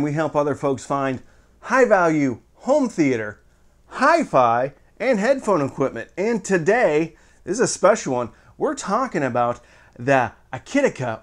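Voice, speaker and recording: A man hosting his own channel, casually reviewing audio equipment with joking asides and step-by-step explanations. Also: fairly high pitch. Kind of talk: casual product review to camera.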